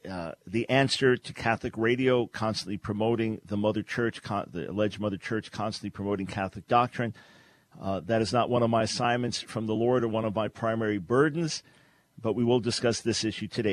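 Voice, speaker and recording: A man hosting a call-in radio talk show, speaking firmly and earnestly in long steady stretches. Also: fairly low pitch.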